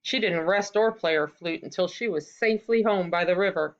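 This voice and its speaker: A woman reads a folktale aloud to children, her voice lowish and her storytelling expressive and deliberate. The recording sounds slightly dull.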